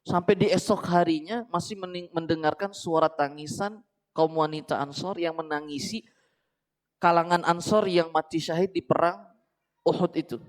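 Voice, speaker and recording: A man's voice: on the high side, normal speed, low-quality recording. Chatty man teaching a religious book. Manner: chatty, poses questions to listeners and corrects himself aloud. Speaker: Islamic teacher. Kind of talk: casual religious book study.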